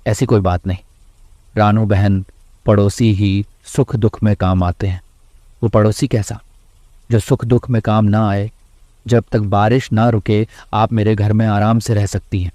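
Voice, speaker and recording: Cartoon role: man as a friendly male bird, low mellow voice, dry sound. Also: little pitch movement, a little slow, dry recording, close to an everyday voice. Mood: reassuring. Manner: friendly, reassuring. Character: kind male bird neighbor and husband.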